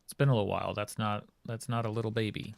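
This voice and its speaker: Deep-voiced man doing game commentary. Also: fairly even intonation, fast talker, vocal fry. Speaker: let's play host. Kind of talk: casual game commentary, reads notes aloud. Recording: faint game music behind.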